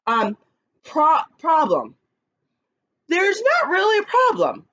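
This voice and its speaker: Kindergarten teacher, a woman reading storybooks very slowly, bouncy pitch, slightly dull lo-fi recording. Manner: slow, expressive read-aloud with lively pitch, chatty asides. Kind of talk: reading picture books aloud to children.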